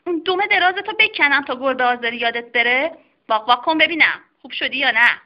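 A woman's voice: high-pitched, lively intonation. A woman voicing a stern female doctor who scolds a misbehaving dog in a children's story. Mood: scolding. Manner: scolding, firm. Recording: dull lo-fi recording.

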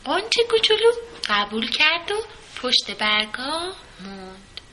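A woman narrating a children's story in a slow, soft storybook manner. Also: high-pitched, sing-song, slight background noise, rough recording.

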